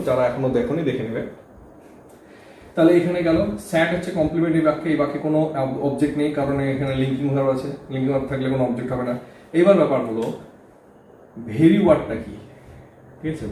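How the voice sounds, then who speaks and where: A man's voice: mid-range voice, very fast, warm tone. A man teaching English grammar in Bengali, explaining step by step and often checking "okay?" with his students. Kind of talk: board lesson explaining grammar. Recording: very echoey room, faint background hum.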